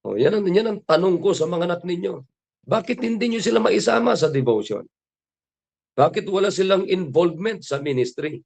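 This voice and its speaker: A Filipino pastor delivering a morning devotion, a man whose voice sits a little high and carries a gravelly edge. He presses his flock with repeated questions and drops into English to quote scripture. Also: expressive, normal speed, a little mellow. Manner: preaching with rhetorical questions, switching into English for scripture.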